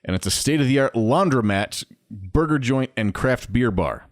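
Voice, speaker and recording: A man's voice: medium pitch, lively intonation, unhurried, no echo, studio quality. A man in his thirties co-hosting a podcast, chatting wryly and reading items off a list. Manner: chatty, wry, reads from a list. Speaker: podcast co-host. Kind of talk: casual podcast chat.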